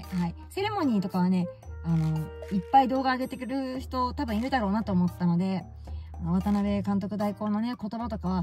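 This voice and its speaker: Animated woman telling a casual story. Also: medium pitch. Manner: animated, exclaiming, laughing at herself. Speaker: baseball fan vlogger.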